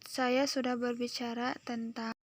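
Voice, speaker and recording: A young woman with an Indonesian accent reads English phrases slowly and carefully, each followed by its translation, with some hesitant English. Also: on the high side, little pitch movement, no echo, studio quality. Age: young adult. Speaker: student presenting a lesson.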